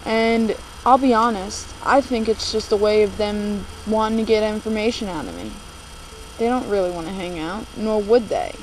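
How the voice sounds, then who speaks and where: Around twenty, this American video blogger from New Jersey, now living in Virginia, talks casually and confessionally in a halting, subdued way, though her medium-pitched voice has lively intonation. It was recorded on a laptop microphone, with the noise typical of an amateur laptop recording.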